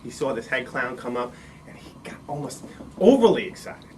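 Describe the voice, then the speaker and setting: A man telling a long shaggy-dog joke in an animated, drawn-out way, recorded from a distance with faint ambience. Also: medium pitch, slight background noise. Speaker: joke teller.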